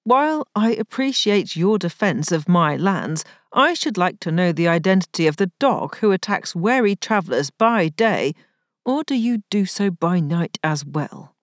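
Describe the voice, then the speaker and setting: A woman voicing a young male viscount who speaks in formal period English, wry and teasing, and whose voice strains high when he is rattled. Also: animated, unhurried, dry recording, clean studio sound.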